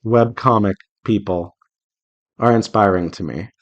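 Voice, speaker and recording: A fairly low-pitched man speaks unhurriedly on a muffled recording. He is a visual novel developer hosting a draw-along devlog, casually chatting alone as he draws and thinking aloud in a rambling, self-reassuring fashion.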